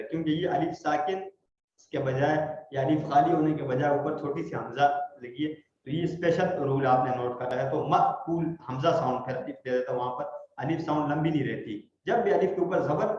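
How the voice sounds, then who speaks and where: A man's voice: on the high side, a little mellow. A man leads an online Quran recitation lesson, patiently spelling out sounds and checking that his students follow. His voice rings in a very echoey space. The call audio is dull and muffled. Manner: patient, explains step by step, checks understanding often. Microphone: online video call.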